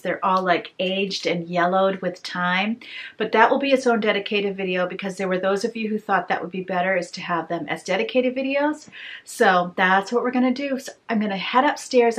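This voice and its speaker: A woman's voice: mid-range voice, fairly bright tone. A middle-aged mom from Maine talks straight to a nearby camera in a casual home vlog. Her chat is upbeat and rambling, and she keeps talking while she moves around a small bathroom. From Maine, USA. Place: bedroom, then small bathroom.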